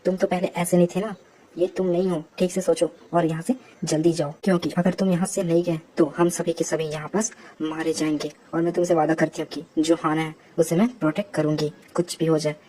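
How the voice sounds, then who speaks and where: A firm young woman who promises to guard a child, read by a female narrator. Her voice is low, mellow and level throughout. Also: flat delivery, fairly quick, a little hiss or hum, close to an everyday voice. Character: resolute young woman ally.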